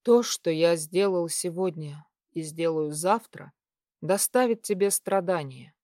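A woman voicing a tender, possessive male werewolf lover in an audiobook, low and hushed. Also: a little slow, dry recording, clean studio sound, natural voice. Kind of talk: audiobook character reading.

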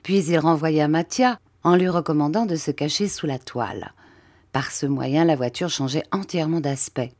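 A woman reading a novel aloud in a measured, steady audiobook narration. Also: low voice, dry recording, clean studio sound. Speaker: audiobook reader.

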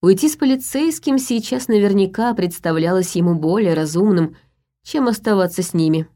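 A woman narrating a novel in a steady, measured way. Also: mid-range voice. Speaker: audiobook narrator. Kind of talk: scripted narration.

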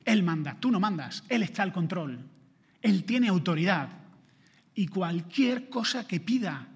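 Man preaching, Spanish accent from Spain, husky, high voice, long hall reverb. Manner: emphatic, building to forceful urgency. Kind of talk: sermon.

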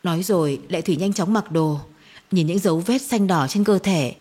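A woman narrating a dramatic audio story in a steady storytelling voice. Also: lowish voice, normal speed, breathy edge.

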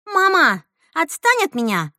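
An indignant teenage girl, as a woman puts her on rattles on in a high, rushed, whiny voice. Her pitch leaps around, and the sound is dry and close. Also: expressive, no room sound. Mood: agitated.

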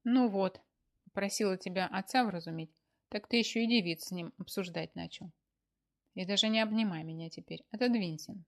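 A woman's voice: medium pitch, brisk, close to an everyday voice. A woman voicing a sulky young wife who speaks in a whiny, reproachful way in a read-aloud story.

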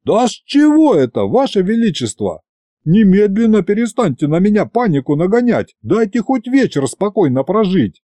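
A man's voice: big pitch swings, normal speed, darkish tone, no room sound, close to an everyday voice. A man voicing an exasperated young male hero who pleads and protests. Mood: frantic. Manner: high-pitched and agitated, pleading.

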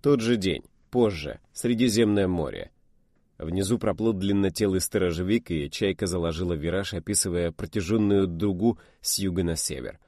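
A man narrates an adventure audiobook in a steady, even way. His voice is very low, and the recording is close and bone-dry, with no room sound. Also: moderate pace, no room sound. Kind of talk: scripted narration.

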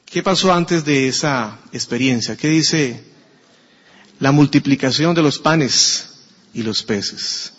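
Slow Colombian preacher in echoey church. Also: male voice, mid-range voice, fairly bright tone, muffled recording. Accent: Colombian Spanish. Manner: slow and deliberate, asks rhetorical questions. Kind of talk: sermon. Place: church sanctuary.

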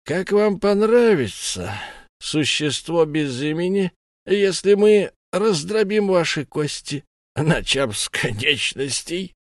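A man voices a lisping alien interrogator in a sci-fi audiobook, pitched high and swinging up and down as he questions a prisoner with mocking condescension. It is a dry, close reading with no room sound. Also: animated, takes it slowly, no echo. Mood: smug. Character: lisping humanoid alien interrogator, smug, menacing. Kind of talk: audiobook character voice.

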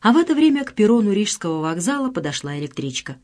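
A woman's voice: medium pitch, big pitch swings, fast talker, darkish tone. A woman narrating an audiobook expressively and doing all the characters.

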